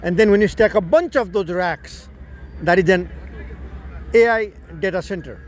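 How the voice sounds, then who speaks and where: A man with a notably high speaking voice explains his tech venture in a loose, casual monologue. He circles back and rephrases points to make them clear. Faint traffic and street sounds hum in the background. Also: normal speed, a faint crowd. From Nepal. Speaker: founder explaining his startup.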